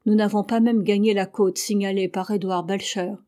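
A woman voicing a gentle, kindly old male ship's doctor in an audiobook, reading softly and sorrowfully. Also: medium pitch, fairly even intonation, moderate pace, lightly acted.

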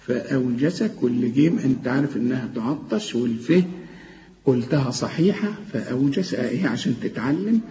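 A man's voice: mid-range voice, dark tone, dull audio, a little hiss or hum. Egyptian man drilling Quran pronunciation. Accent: Egyptian Arabic. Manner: corrects pronunciation, repeating words slowly and drawn out. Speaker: Quran recitation teacher. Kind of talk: tajweed correction lesson.

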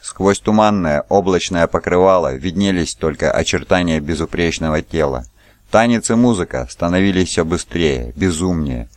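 Deep-voiced man reading a novel. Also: normal speed, dry recording. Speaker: audiobook narrator. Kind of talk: scripted narration.

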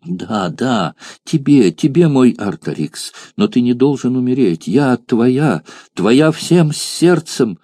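A man's voice: sing-song, slow pace, few pauses, dark tone, no echo, studio quality. A man voicing a devoted young woman in love, pleading in a raised, emotional voice. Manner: pleading and breathless, emotional high pitch.

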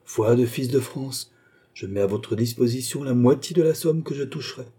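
A witty young prince, playful and scheming, speaking in a dark, husky voice close to the reader's own, as a man puts him on. He banters with teasing asides, as in a storybook reading. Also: mid-range voice, normal speed, lightly acted. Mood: bantering.

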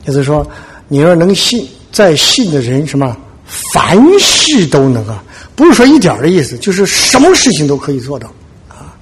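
A man's voice: on the high side, sing-song, moderate pace, slightly rough. A man preaching a conversational sermon, telling Bible stories in a folksy way and checking with listeners. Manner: folksy storytelling, frequent "对吧" asides, acts out quotes.

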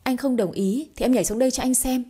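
A woman's voice: on the high side, animated, fairly quick, warm tone, husky. A woman reading as a hysterical, clingy young woman. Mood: threatening.

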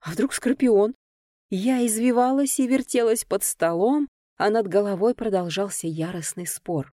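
A woman's voice: medium pitch, unhurried, mellow, no echo, clean studio sound. Woman narrating an audiobook in first person.

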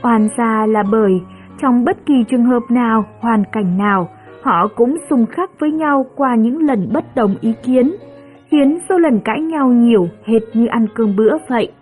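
A woman narrating a story in a gentle, measured storytelling voice. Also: a little high. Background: soft music.

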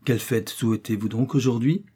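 A man's voice: medium pitch, brisk, dark tone, slightly rough. Man doing a hearty jovial naval captain. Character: hearty fortyish naval captain, cheerful and kind.

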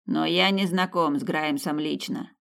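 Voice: medium pitch, steady tone, gravelly, a bit bright, smooth. A reader doing a winded, weary middle-aged man. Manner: slow, breathless, sighing. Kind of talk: audiobook character voice.

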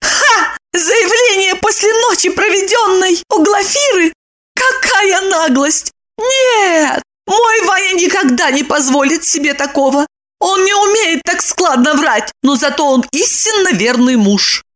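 A shrill, high and jealous woman, as a female audiobook narrator puts her on, leaping far up in pitch with sharp accusing bursts. Her voice swings widely from phrase to phrase, hot and indignant. Storybook character acting. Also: expressive, a little slow, heavily acted.

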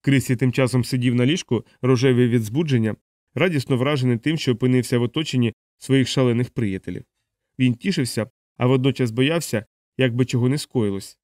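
A male narrator with a dark, mellow voice reads a novel aloud at a steady, even pace. The recording is dry and close, with no room sound around him. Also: medium pitch, a little fast, no room sound. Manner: steady, even literary reading. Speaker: audiobook narrator. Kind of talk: scripted audiobook narration.

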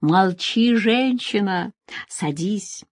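A woman's voice: medium pitch, expressive, extremely slow, dry recording, clean studio sound. A woman reading a novel aloud, voicing an eager, lovestruck man who barks short, impatient commands. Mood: commanding.

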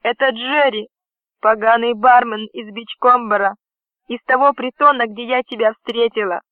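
A man's voice: very high voice, steady tone, moderate pace, dry recording. A man reading an audiobook, voicing a distraught young woman who sobs and lashes out in anguished outbursts. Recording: dry, tinny phone-like audio.

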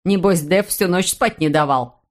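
A woman voicing a loud, bossy middle-aged housekeeper who barks orders and makes sarcastic jabs. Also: fairly low pitch, moderate pace, lightly acted. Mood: snide. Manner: barking, sarcastic.

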